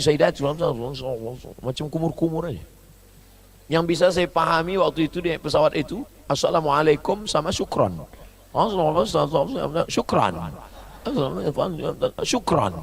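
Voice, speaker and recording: In this comic sermon, the male preacher imitates foreign phrases, alternating between booming high-pitched outbursts and quiet, low-voiced remarks.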